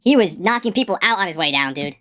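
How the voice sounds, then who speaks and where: A woman's voice: fairly low pitch, lively intonation, quick pace, loud music behind the voice. A woman giving casual reaction commentary on songs, slangy and profane, often repeating words as she stumbles. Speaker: music reaction streamer. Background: faint song playing.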